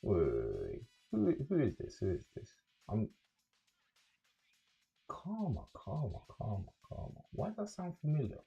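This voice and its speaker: A young man with a London accent chatting casually with viewers on a livestream, relaxed and rambling with many fillers. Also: fairly low pitch, fairly quick, creaky, breathy edge, lo-fi sound, faint music behind. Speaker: streamer.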